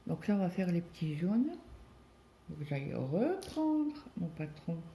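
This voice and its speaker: A middle-aged woman from France talks casually as she stitches, her voice dark and mellow. She rambles through a story with many fillers and quoted back-and-forth. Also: fairly low pitch, very animated, measured pace, creaky, slight background noise. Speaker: crafting vlogger. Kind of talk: casual chat while cross-stitching.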